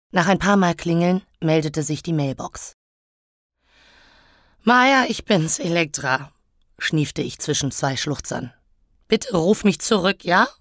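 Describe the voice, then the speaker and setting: A woman with a low, dark-toned voice reads a first-person novel. She leans into the drama of the text. The recording is dry and close, with no room around her. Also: no echo. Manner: emotional, dramatic delivery. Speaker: audiobook narrator.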